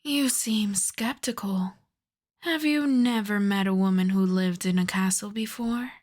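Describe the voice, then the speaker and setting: Woman doing an old vampire countess for asmr, super slow, soft n breathy, coy and posh wording, kinda predatory. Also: medium pitch, lightly acted. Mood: proud, coaxing. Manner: refined, coy, formal old-fashioned phrasing. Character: ancient aristocratic vampire countess, seductive, predatory, politely teasing. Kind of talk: ASMR roleplay, slow intimate scripted monologue.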